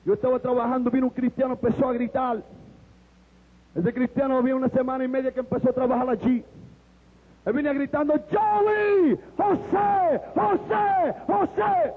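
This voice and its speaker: A man's voice: extremely high pitch, fast, pauses often, slightly rough. Fervent male preacher, acting out his story; long hall reverb. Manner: animated storytelling, acts out the voices. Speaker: preacher giving his testimony. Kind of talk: fervent testimony sermon. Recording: echoey hall, phone-like lo-fi sound.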